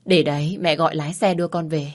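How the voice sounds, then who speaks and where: A woman's voice: deep voice, fairly even intonation, quick pace. A woman voicing an anxious middle-aged mother-in-law with a fretful, scolding manner.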